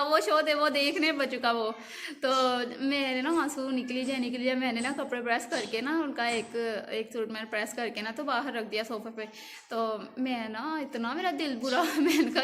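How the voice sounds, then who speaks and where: A woman's voice: high-pitched, fairly bright tone, a little hiss or hum. A young woman vlogger telling a long personal story in a casual, emotional, rambling way, often repeating herself.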